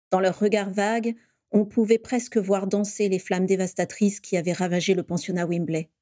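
Mellow woman reading a story aloud. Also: medium pitch, no echo, studio quality. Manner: steady storytelling with voiced characters. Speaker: reader.

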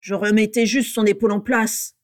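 A woman reading aloud voices a stocky, brutish young man who mutters low through his teeth. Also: level tone, moderate pace, close to an everyday voice. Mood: menacing.

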